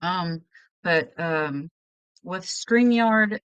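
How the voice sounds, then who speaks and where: Slow, chatty woman live-streaming. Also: fairly low pitch, fairly bright tone, clear, resonant tone, no room sound, dull audio. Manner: chatty and scattered, greets viewers as hun. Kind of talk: casual live-stream chat.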